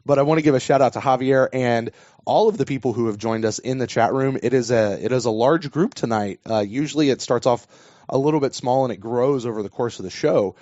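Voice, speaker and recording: A man's voice: medium pitch, a little fast, darkish tone, no echo. A man, hosting a casual sports podcast. His voice is a bit worn, and he rambles and restarts his sentences. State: losing his voice. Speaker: podcast host. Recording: dull dry podcast audio.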